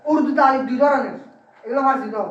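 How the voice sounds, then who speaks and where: A male teacher giving a classroom grammar lesson. He drills his students with call-and-response questions and is brisk, at times scolding. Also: very high voice. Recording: roomy, distant, dull lo-fi classroom recording.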